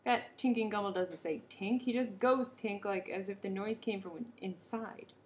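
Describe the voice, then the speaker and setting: A woman's voice: mid-range voice, normal speed, slight background noise, lightly acted. A woman doing a roaring, bossy snake king. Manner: roaring, shouting.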